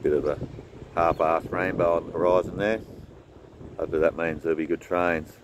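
A laid-back man with a low voice chats to his handheld camera while waiting trackside for trains. Wind and rain noise are clearly heard over the outdoor camera audio. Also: steady tone, brisk. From Australia. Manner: laid-back, chatty, sings a snatch of song. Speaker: train-spotting vlogger. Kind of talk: casual outdoor commentary.

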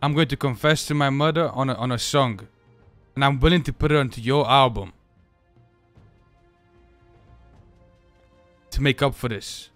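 A man's voice: mid-range voice, fairly quick, a bit bright, dry recording, soft background music, lightly acted. A man playing a flustered underling musician in an improvised game role-play, hesitant and stammering as he pleads and makes excuses. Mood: pleading, bargaining.

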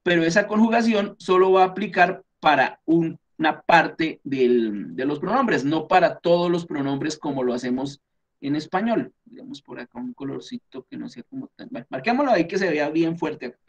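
A Colombian man with a fairly high-pitched voice, teaching a class. He explains each point patiently and step by step, and keeps checking that his students are following. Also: lively intonation, moderate pace, dull audio. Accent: Colombian Spanish.

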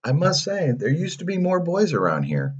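A man's voice: fairly high pitch, wildly swooping pitch, normal speed, husky, muffled recording, pitched above the performer's own voice, full character voice. A man voicing a small, fussy, anxious cricket companion. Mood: puzzled.

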